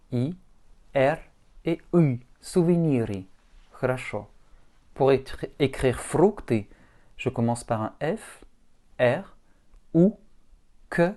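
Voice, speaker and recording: A man teaching a language lesson, spelling words out letter by letter in a deliberate, patient way. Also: medium pitch, mellow.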